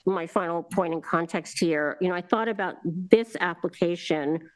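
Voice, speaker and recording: A woman on a zoning board, reasoning through a decision at a public hearing in a halting, deliberate way with many fillers and restarts. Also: lowish voice, poor audio. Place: town hall meeting room.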